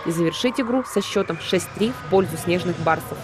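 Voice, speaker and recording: A woman's voice: lowish voice, a little fast. A woman reporter reading a scripted sports news narration. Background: music.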